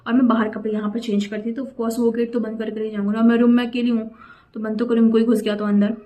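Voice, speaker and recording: A woman's voice: on the high side, flat delivery, quick pace, dark tone. A young woman telling a personal story in a chatty, indignant way, dropping English phrases into her talk. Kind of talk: casual storytime vlog.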